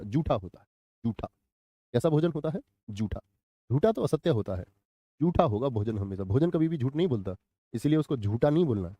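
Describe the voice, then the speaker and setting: A man's voice: a little high, mellow, dry recording, lo-fi sound. A man teaching a live online grammar class who asks the viewers questions and repeats the answers.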